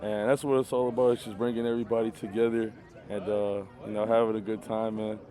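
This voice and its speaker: A man's voice: fairly low pitch, little pitch movement, quick pace, dark tone. A young man from Michigan, a college football player, talking earnestly and loosely with many fillers in an outdoor interview. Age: young adult. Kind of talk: casual interview talk. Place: outdoors at a youth football camp. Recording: crowd noise outdoors.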